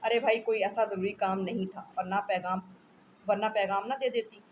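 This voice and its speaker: A woman's voice: mid-range voice, steady tone, normal speed, highs cut off, close to an everyday voice. A woman reading the part of a sick husband complaining about the noise at home. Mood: irritable. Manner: complaining, exasperated. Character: sick, irritable husband in bed.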